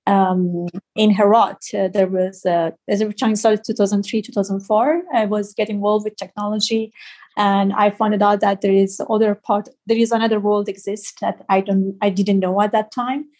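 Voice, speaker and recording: A woman's voice: medium pitch, level tone, normal speed, a little mellow. Afghan woman speaking hesitant English. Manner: hesitant, many fillers, non-native grammar. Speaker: guest, tech founder. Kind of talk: interview answers.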